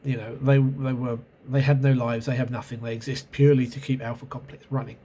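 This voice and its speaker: Congested from a cold and a sore throat, this channel host rambles through a casual spoken review of role-playing games, hesitating and correcting himself with plenty of ums. His medium-pitched voice is dark and flat, moving a little fast, captured on a camera mic.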